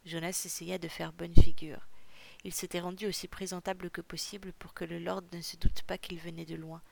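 Audiobook narrator, gravelly, steady and even, reads fiction aloud. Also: medium pitch. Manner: measured, even storytelling. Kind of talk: audiobook reading.

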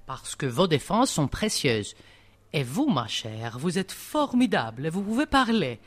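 Student actor doing a sly, greedy poacher villain for a school radio play, pitch swooping all over, unhurried. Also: male voice, big pitch swings. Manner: wheedling, theatrical villain voice with laughs. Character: greedy male poacher villain, mock-sweet.

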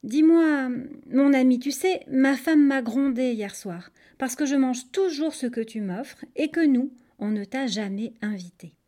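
A woman's voice: sits high, unhurried, mellow, voice pushed up. A woman voicing a sly, hungry male crocodile who plays at being a friend in a storybook reading. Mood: sugary friendly. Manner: sugary, overly friendly, sheepish.

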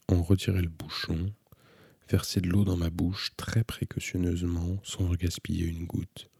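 Man, audiobook narration, measured reading, very low voice, gravelly. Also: dry recording, studio quality. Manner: calm, measured, introspective reading. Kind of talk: scripted narration of a novel.

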